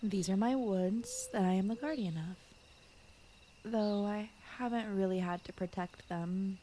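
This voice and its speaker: A woman voices a shy forest-guarding fox spirit for a calming bedtime ASMR roleplay, her natural, medium-pitched voice slow and soft, often dropping to whispers. She rambles shyly and apologizes. Slight noise sits under clear night forest sounds of crickets and insects.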